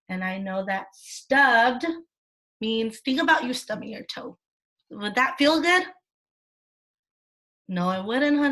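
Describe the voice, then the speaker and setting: Teacher for a kids' video-call class: woman, fairly high, bright, upbeat prompting. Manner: encouraging, sing-song teacher prompting. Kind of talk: online class lesson for children. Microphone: laptop mic on a video call.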